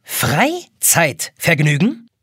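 A man's voice: very high voice, sing-song, normal speed, pushed and bright, slightly rough, no room sound, clean studio sound, pitched above the performer's own voice, full character voice. A man voicing a small snippy egg timer that snaps at others and stresses every word. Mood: lecturing.

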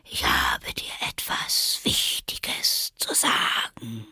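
A woman's voice: a bass voice, wildly swooping pitch, drawn-out words, pushed and bright, husky, no room sound, whispered, clean studio sound, heavily acted. A woman doing a drawling, aloof caterpillar. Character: slow, aloof blue caterpillar.

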